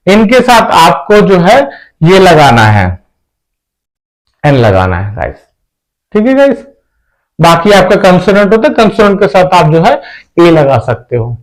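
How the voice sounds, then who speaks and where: Guy teaching grammar, high voice, goes over each point again and again. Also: rough recording. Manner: repetitive, explains each point step by step. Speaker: English teacher. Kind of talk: classroom-style grammar lesson.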